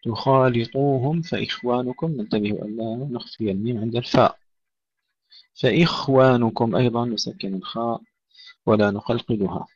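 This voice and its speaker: A man teaching Quranic recitation rules, slowly reciting short verses and then explaining each letter, recorded dry on a dull lo-fi mic. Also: mid-range voice, husky, no echo. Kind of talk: tajweed lesson.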